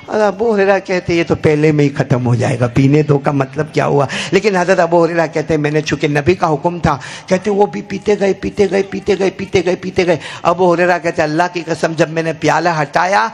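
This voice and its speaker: A male preacher, telling a story in an animated, dramatic sermon style with shouted peaks. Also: high-pitched, creaky, hardly any pauses.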